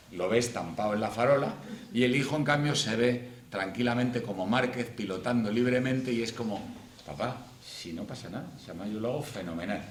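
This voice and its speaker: A middle-aged man, a financial coach, giving a chatty conference talk and acting out little quoted dialogues as he goes. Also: medium pitch. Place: conference room. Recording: echoey hall with faint noise.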